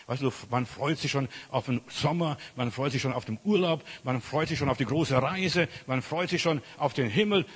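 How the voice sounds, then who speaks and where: A man preaching a lively sermon, swinging from loud cries to quiet asides. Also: mid-range voice, husky. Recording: echoey hall reverb.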